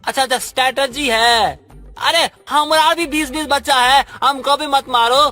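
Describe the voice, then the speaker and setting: A man's voice: very high-pitched, steady tone, normal speed, bright, forceful tone, faint music behind. A man voicing a dim-witted goon sidekick in a cartoon who complains rustically about his boss. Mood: whining. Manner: whiny and rustic. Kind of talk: cartoon voice acting.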